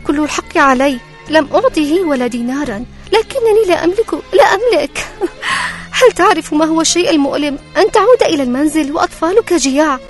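A woman's voice: high voice, lively intonation, quick pace, faint music behind. A woman narrating in the formal, theatrical storytelling manner of an old radio serial.

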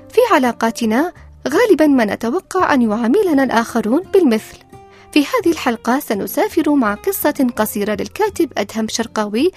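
A woman presenter narrating a moral story and explaining its lessons in a scripted, reflective teaching tone. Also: fairly high pitch. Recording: soft background music.

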